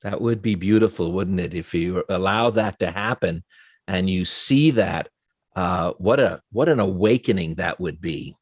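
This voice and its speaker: A man's voice: sits low, measured pace, no echo. A man with a New York accent hosting an interview, asking earnest, admiring questions. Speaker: interview host.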